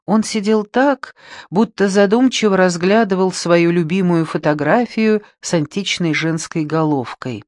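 A man narrating a novel in a calm, measured way. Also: high-pitched, no echo, studio quality. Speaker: audiobook narrator. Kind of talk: scripted literary narration.

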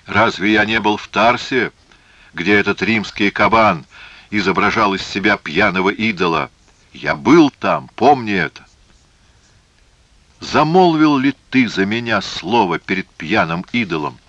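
A snarling, venomous young prince, voiced by a male reader in an audiobook, pitched well above the reader's low voice. The raised voice is sharp and bright. The sound is dry and slightly muffled. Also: animated, unhurried, dry recording. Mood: scornful. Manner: shouting, venomous. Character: furious, vicious young prince, a man.

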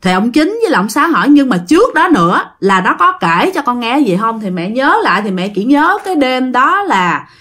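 A woman's voice: fairly high pitch, very animated, a little fast, few pauses, fairly bright tone. A woman with a Southern Vietnamese accent casually telling a ghost story, chatting directly to her listeners. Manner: chatty, addresses listeners directly, acts out quoted speech.

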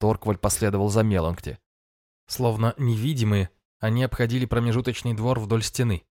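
A man narrating a fantasy audiobook in a measured storytelling manner. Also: fairly low pitch, fairly even intonation, mellow, no echo, studio quality.

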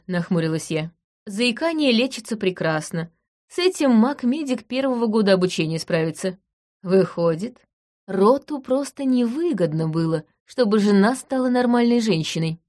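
A woman reading an audiobook in the first person, in a brisk, dry and commanding manner. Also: medium pitch, lively intonation, darkish tone. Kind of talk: audiobook narration.

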